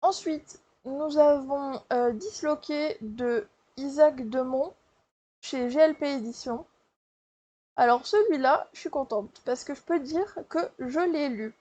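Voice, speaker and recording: Chatty high-voiced woman book vlogger. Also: slow, warm tone. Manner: chatty, hesitant, many fillers and restarts. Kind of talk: casual monthly reading wrap-up.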